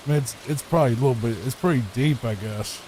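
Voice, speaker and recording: Virginian man, mid-pitched, easygoing rambling game talk for sleep, faint hiss behind. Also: quick pace, a little mellow, low-quality recording. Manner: laid-back, rambling. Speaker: gameplay channel host. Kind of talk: soft sleep-aid gameplay commentary. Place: home room, not a booth. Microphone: studio microphone with added EQ.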